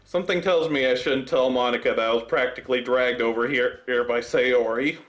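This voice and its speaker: A man's voice: medium pitch, brisk, faint music behind. A man gaming YouTuber reading a visual novel aloud, cracking jokes between lines. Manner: animated, joking.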